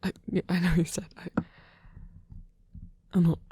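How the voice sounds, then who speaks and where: In an intimate ASMR roleplay, a performer voices a gentle, shy, protective male vampire priest, soft and breathy, with hesitant, tender phrasing. The medium-pitched delivery is unhurried with little pitch movement, and the mood is hesitant and hopeful.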